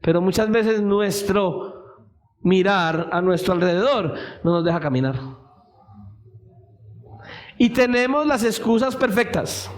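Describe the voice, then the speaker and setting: A man preaching a sermon in a church, impassioned, with his voice rising into shouted pleas. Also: high-pitched.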